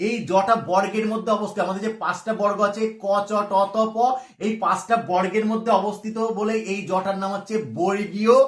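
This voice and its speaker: A man's voice: sits high, a bit bright, echoey room. A middle-aged man teaching grammar, explaining patiently and drilling sounds over and over while asking his class questions. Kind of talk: classroom lecture to camera. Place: room with a bedsheet hung behind.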